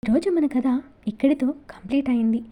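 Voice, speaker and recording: A woman's voice: sits high, normal speed, dull audio. A woman reading a scripted channel outro, politely appealing to listeners. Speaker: channel narrator.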